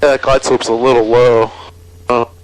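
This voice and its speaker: A man coaching as a flight instructor over a cockpit intercom, giving calm, reassuring instructions through an aviation headset. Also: medium pitch, moderate pace, no room sound, poor audio. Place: small aircraft cockpit in flight. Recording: intercom radio audio with aircraft cabin noise.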